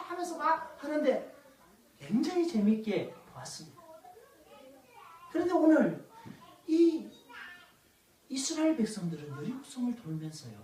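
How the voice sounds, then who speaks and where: A woman preaching a dramatic sermon, swinging from loud commands to hushed asides as she acts out voices. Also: high-pitched. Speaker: pastor. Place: church sanctuary. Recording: echoey church hall, mic far off.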